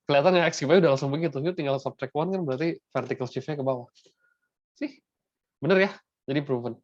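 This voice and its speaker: This maths lesson, delivered in a blend of Indonesian and English, comes from a young Indonesian-accented man who keeps things informal and chatty, often pausing to make sure the class follows. He speaks at a medium pitch with a somewhat dark tone. There's no room sound, and the recording comes across flat and dry.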